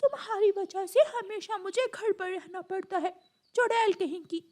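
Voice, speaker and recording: A woman's voice: very high voice, normal speed, darkish tone. A woman voicing a cheeky young boy sparrow chick in a cartoon, teasing and bossy toward his sister.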